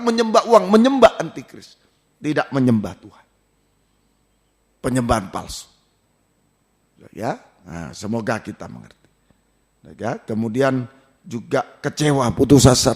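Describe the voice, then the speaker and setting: A man from Indonesia, preaching a sermon as pastor and asking the congregation questions, swinging from loud exclamations to low asides.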